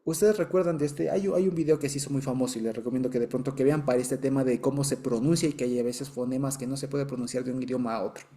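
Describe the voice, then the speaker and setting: Teaching a Bible study, this Ecuadorian-accented man speaks in a warm, mid-range voice at a quick pace with few pauses. His explanations are patient, he repeatedly makes sure everyone understands, and he lets out an occasional chuckle.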